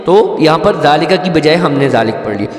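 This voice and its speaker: A man teaching Quran recitation rules, explaining each point patiently and then chanting verses slowly and melodically. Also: fairly high pitch, expressive, echoey room, big-room sound, soft background music. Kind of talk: tajweed lesson with chanted recitation.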